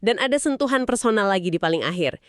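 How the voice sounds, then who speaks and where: A woman's voice: medium pitch, expressive, quick pace, no room sound, studio quality. A woman co-hosting a podcast who sums up points and asks friendly follow-up questions. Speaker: podcast co-host. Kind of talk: casual explanatory discussion.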